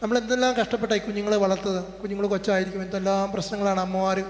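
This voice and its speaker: A middle-aged man, a priest with a Kerala Malayalam accent, gives a slow, measured sermon on family life and acts out everyday examples. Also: sits high, flat delivery. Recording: reverberant hall.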